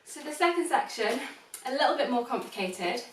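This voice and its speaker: A woman's voice: high voice, animated, brisk, faint music behind. A young adult woman teaching an online ballet class, counting out beats as she demonstrates steps and adding apologetic asides. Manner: apologetic asides while dancing. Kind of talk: online dance class instruction. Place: room with a hard floor. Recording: echoey room, voice from far off, noisy.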